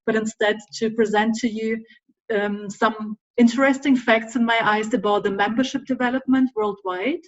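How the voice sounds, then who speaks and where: A woman's voice: on the high side, fairly even intonation, moderate pace, muffled recording. A woman, a guest speaker in an online club meeting, who talks with many hesitant "um" fillers. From Germany.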